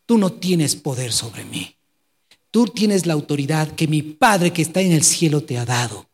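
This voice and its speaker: A calm, suffering man answers his judge in a low, slow, hushed voice, as a preacher acts him out. The words trail into a long hall echo. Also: husky. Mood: solemn. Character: calm, solemn, suffering man facing judgment.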